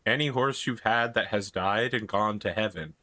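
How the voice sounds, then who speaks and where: A man's voice: lowish voice, moderate pace, bright, forceful tone, no echo. A man narrating a tabletop role-playing game as its game master.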